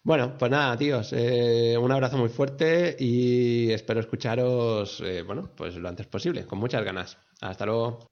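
A man tells his story in an animated way. He laughs often and swears freely in a casual voice message. The sound is dull and lo-fi. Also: mid-range voice, moderate pace. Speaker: listener sending an audio message. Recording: dull lo-fi audio.

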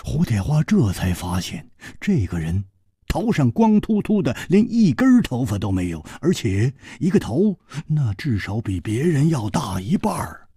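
A man narrates a martial arts tale in traditional radio storytelling style. His slightly husky voice rises and falls with great animation. The sound is dry and close-miked. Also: normal speed, no room sound. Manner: highly animated, vivid delivery.

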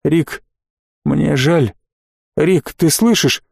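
Distraught lawyer guy, middle-aged, flips from flat to shouting, a man reading him, dry close sound. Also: fairly high pitch, extremely slow, vocal fry, husky, dry recording, heavily acted. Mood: somber. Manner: agitated, breaking into shouts.

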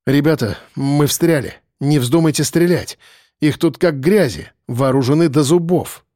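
A blunt, coarse warrant officer talks plainly and swears without thinking, as a male reader plays him. His voice sits somewhat high for a man but has a dark, mellow tone, recorded dry and close. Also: measured pace, no echo, close to an everyday voice. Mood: uneasy.

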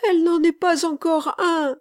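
Small weeping boy voiced by a woman, high pleading voice, storybook reading, dry sound. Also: fairly even intonation, moderate pace, no echo. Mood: pleading, tearful.

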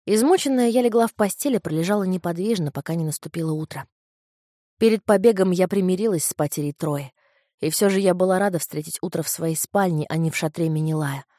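A woman narrates a first-person novel in a measured, intimate way. Her voice is on the low side for a woman. The recording is close and dry, with no room sound. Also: warm tone, dry recording. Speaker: audiobook reader.

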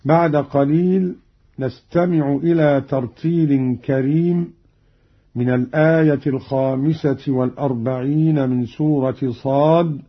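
A man formally explaining Quran reading variants, alternating explanation with drawn-out chanted recitation of the verses. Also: medium pitch, slightly rough, highs cut off.

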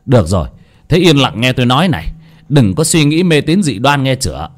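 A man's voice: fairly low pitch, sing-song, moderate pace. A man voicing a stern older village chief who scolds and lectures the villagers with authority. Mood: lecturing.

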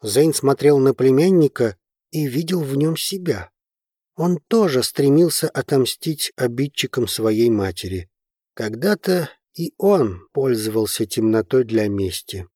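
Slow, steady male audiobook narrator. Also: medium pitch, dry recording, studio quality. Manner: steady, unhurried storytelling. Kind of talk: scripted narration.

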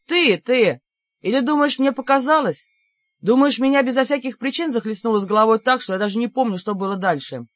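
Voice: medium pitch, a little fast, no echo, lo-fi sound, voice pushed up, natural voice. A narrator doing a hotheaded injured young demon. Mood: aggrieved. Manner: groaning, indignant outbursts.

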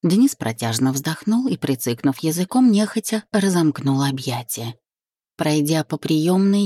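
A woman narrating a first-person romance audiobook in an even, intimate manner. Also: sits low, no room sound, studio quality.

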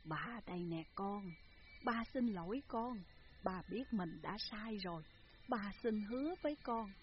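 A woman's voice: medium pitch, animated, a little slow, natural voice. A woman voicing a remorseful old village landlord who pleads with his daughter, in a slightly muffled recording with faint hiss. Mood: pleading. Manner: pleading, apologetic.

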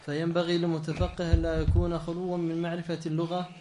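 A man reading a passage from a book aloud in class, pausing and restarting on some words. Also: on the high side, background noise. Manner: reads in a flat voice with small restarts. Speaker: student reading the text aloud.

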